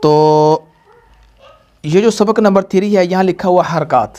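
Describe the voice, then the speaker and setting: A Quran reading teacher, his voice high and dark in tone, patiently repeats each point for his students and viewers. His lesson runs on repetitive call-and-response questions and slow, steady drilling.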